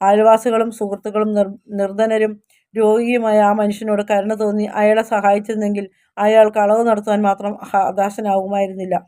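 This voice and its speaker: Mellow, even-toned woman narrator. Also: mid-range voice. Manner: measured first-person reading with small restarts. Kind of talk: scripted devotional story narration.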